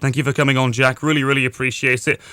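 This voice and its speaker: A man's voice: mid-range voice, level tone, fast, pushed and bright, clear, resonant tone, no echo. A man hosting a sports radio show, presenting segments and interviewing a guest. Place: dry radio studio.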